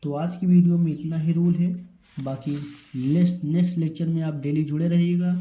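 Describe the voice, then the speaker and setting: A man's voice: on the high side, steady tone, moderate pace, dark tone, echoey room, rough recording. A male teacher giving a pronunciation lesson, spelling words out letter by letter and answering his own questions. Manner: asks a question, then answers it himself. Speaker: English teacher. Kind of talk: spoken English pronunciation lesson.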